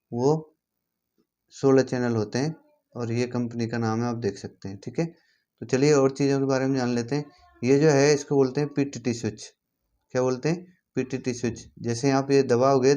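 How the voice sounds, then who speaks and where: Here a male instructor with an Indian accent shows how equipment works, teaching informally and going over things more than once while checking in with his listener. The voice sits at medium pitch and sounds a little mellow.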